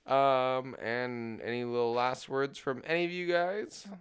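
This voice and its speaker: A man's voice: mid-range voice, a little slow, clear, resonant tone. A man hosting a casual podcast chat, laughing often as he talks. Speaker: podcast host.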